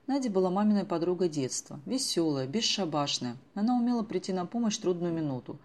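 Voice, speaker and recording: A woman reading a children's adventure audiobook in calm, scripted narration. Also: fairly low pitch. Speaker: audiobook reader.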